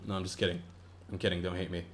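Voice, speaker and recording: A man's voice: sits low, little pitch movement, racing. A young man giving casual, rambling gameplay commentary, swearing often and restarting his sentences. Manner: rambling, profane, with frequent restarts. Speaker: gaming YouTuber.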